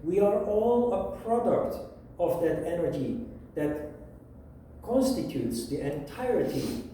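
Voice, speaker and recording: A man teaching a yoga philosophy lesson, explaining at a whiteboard in a measured way with pauses. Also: high-pitched, expressive, dark tone, a little hiss or hum. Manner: slow, measured, with pauses and restarts. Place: room with a whiteboard. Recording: echoey room, mic at a distance.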